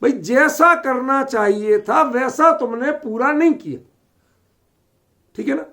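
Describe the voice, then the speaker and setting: सवाल पूछते हुए पढ़ाता पुरुष शिक्षक. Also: male voice, extremely high pitch, takes it slowly, pushed and bright. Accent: Delhi Hindi. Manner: questioning, keeps checking understanding. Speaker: Jain scripture teacher. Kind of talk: scripture lesson.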